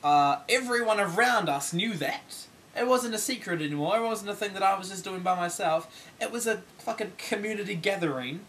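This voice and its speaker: A man's voice: high voice, a little hiss or hum. A teenage boy vlogging a comic story about a shopping mishap, exasperated and swearing freely, acting out the people in it. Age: teens. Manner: animated, exasperated, quick to swear, acts out other people's lines.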